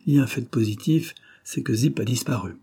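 Man as a sensible friend, matter-of-fact, dark and husky, audiobook. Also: medium pitch, fairly quick. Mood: reasoning. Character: level-headed man friend, reasoning.

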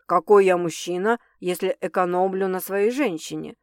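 A woman voicing a calm, self-assured wealthy man who speaks in a measured, slightly condescending way, pitched a little lower than her narration. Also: dry recording, clean studio sound, natural voice.

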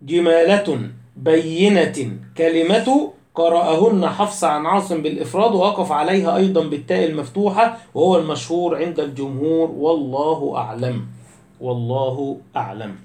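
A man teaching a lesson on Quranic spelling and recitation, listing words one by one and reciting the quoted verses slowly and deliberately. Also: fairly high pitch, a little mellow, roomy sound.

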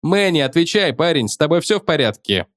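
A man's voice: on the high side, brisk, no room sound, studio quality. Barnes, a man doing a clipped commanding pilot. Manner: clipped orders, forced calm. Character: calm commanding male rocket pilot. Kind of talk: audiobook character voice.

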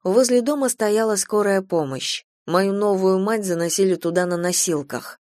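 A woman reading a first-person story as an audiobook narrator, calm and measured, on a close mic. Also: mid-range voice, no room sound.

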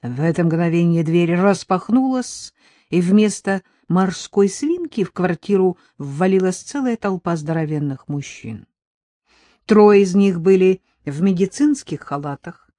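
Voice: mid-range voice, warm tone, dry recording, studio quality. An audiobook narrator reading in a wry, conversational way. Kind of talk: scripted narration.

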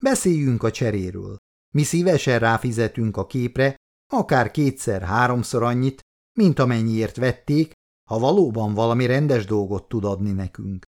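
A man's voice: mid-range voice, lively intonation, a little mellow, close to an everyday voice. A man voicing Bandi, a tactful, well-off husband who speaks politely.

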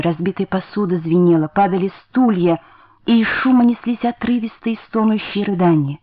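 A woman narrating a literary story in a measured, expressive dramatic reading. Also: lowish voice. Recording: muffled lo-fi radio recording.

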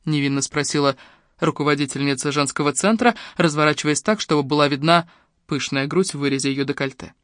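A man reading a detective audiobook aloud in a steady, expressive way. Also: fairly high pitch, a little fast, no room sound, studio quality. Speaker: narrator. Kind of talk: audiobook narration.

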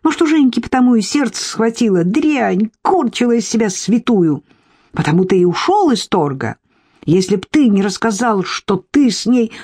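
Woman reader plays scorned young lover; high-pitched, spiteful, pleading, slightly breathy. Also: animated, moderate pace, dark tone. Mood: furious. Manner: pleading then spiteful, rising shrill. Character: jealous scheming young woman, bitter and shrill. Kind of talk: audiobook character reading.

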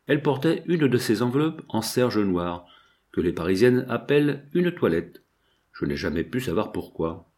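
A man reading a first-person literary novel as an audiobook, measured and expressive. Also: medium pitch. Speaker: audiobook narrator.

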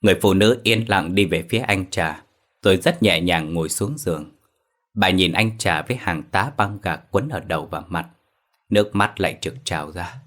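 A man with a very low, deep voice narrating a horror story. His reading is steady and measured, in the manner of an audiobook.

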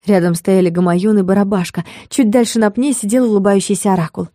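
A woman reading a fantasy audiobook in a measured, even storytelling manner, close to the microphone. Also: medium pitch, dry recording. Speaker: audiobook narrator. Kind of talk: scripted audiobook narration.

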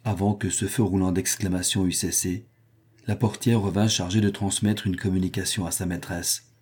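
A man reading a historical novel aloud as narrator, in a measured, even manner. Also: low voice, husky. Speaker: audiobook reader.

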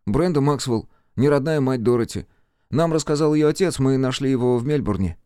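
A man's voice: mid-range voice, a little fast, warm tone, clean tone, dry recording, clean studio sound, pitched above the performer's own voice, lightly acted. A man voicing an earnest, jealous teenage boy who speaks in a raised, agitated and pleading voice. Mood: earnest, gloomy.

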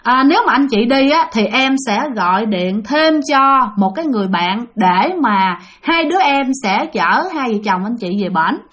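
A woman's voice: fairly high pitch, lively intonation, moderate pace, hardly any pauses, a bit bright. A woman with a Southern Vietnamese accent voicing a bold, hot-tempered young man, talking bluntly and defiantly.

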